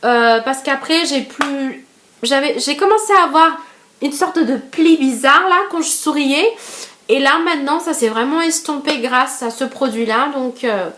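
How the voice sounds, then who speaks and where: A woman's voice: high-pitched, a little slow, fairly bright tone. A young woman from Madagascar reviewing beauty products in a casual vlog, chatty and full of fillers, talking to her viewers as girls. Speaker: beauty vlogger.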